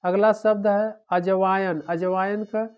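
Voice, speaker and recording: Male teacher, exam-prep lecture, slow and deliberate delivery, muffled lo-fi sound. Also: sits high, little pitch movement, clean tone. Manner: repetitive drilling of word pairs. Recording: dull lo-fi recording.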